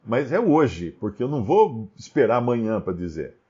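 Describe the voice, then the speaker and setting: Male Bible commentator, lively swooping delivery, mellow tone, dull lo-fi recording. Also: medium pitch, moderate pace. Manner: animated, many rhetorical questions.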